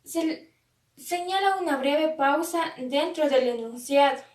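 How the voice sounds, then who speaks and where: High-voiced woman reading in an echoey room. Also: slow, recorded from a distance. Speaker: student presenter. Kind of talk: reading a class presentation. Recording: echoey room, away from the mic.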